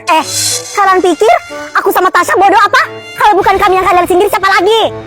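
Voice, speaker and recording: Very high-voiced woman trading sassy taunts. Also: fast talker. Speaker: voice actor dubbing a clique drama skit. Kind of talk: dubbed comedy drama skit. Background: background music.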